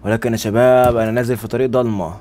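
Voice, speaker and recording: A man's voice: mid-range voice, fairly even intonation, racing, dark tone, slight background noise. A young man with an Egyptian Arabic accent doing joking, chatty let's play commentary, constantly talking to his viewers. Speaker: gaming YouTuber. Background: game music.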